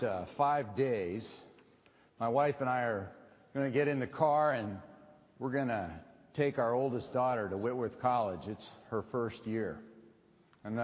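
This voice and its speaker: A man in his forties preaching an earnest, conversational sermon at a pulpit microphone in a church sanctuary. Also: medium pitch. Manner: earnest, conversational, with frequent uh fillers. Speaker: pastor. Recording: long church reverb, slightly dull sound.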